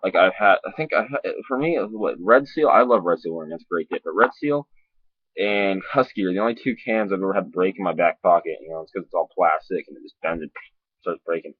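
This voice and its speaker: Male reviewer, lowish raspy voice, talking around a lip full of dip; loose, sweary, repetitive delivery, dry muffled lo-fi recording. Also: dry recording. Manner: sweary, informal, halting and repetitive. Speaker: dip reviewer on a video channel. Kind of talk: casual rambling review to camera. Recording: dull lo-fi sound.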